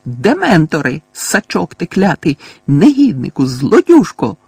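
A man reading an audiobook voices a shrill, furious old woman, a bossy neighbour who shrieks and scolds. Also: very animated, normal speed, a little mellow, husky, no echo, soft background music, exaggerated voice. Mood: shrieking fury.

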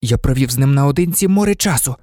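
A man's voice: medium pitch, animated, fast talker, warm tone, no room sound, studio quality, lightly acted. A man reading aloud, voicing a brave teenage schoolboy who argues urgently.

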